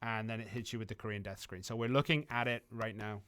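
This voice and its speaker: This man, a community manager on a game stream, chats casually while taking viewer questions, his loose explanations peppered with ums and restarts. He has a bright, smooth voice that sounds clear and even, sitting on the low side and moving at a quick pace.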